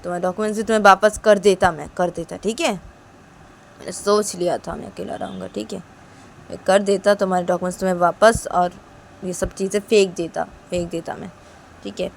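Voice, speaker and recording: A woman's voice: mid-range voice, fairly even intonation, brisk, creaky, a little hiss or hum, close to an everyday voice. A woman voicing a hurt young woman who coldly pushes her lover away and repeats that she wants to be alone. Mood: stubborn. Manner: cold, accusing, repeats herself. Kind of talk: one-woman storytelling with voices.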